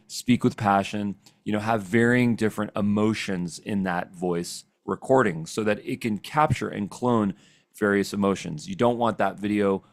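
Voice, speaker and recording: A man leading a live software training session, talking in an energetic, chatty, demonstrative way. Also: on the low side, dry recording, studio quality.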